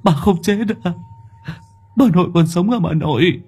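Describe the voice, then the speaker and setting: A man's voice: high voice, moderate pace, a little mellow, husky, voice pushed up. A man voicing a frightened young grandson who stammers and pleads.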